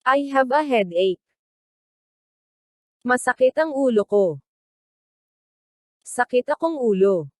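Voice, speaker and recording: A woman teacher reads short phrases in a very slow, careful drill. Her voice sits fairly high, and the recording is dry and close. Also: lively intonation, a little mellow, no room sound. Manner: reads each phrase slowly and deliberately. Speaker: language teacher. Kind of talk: slow read-aloud translation drill.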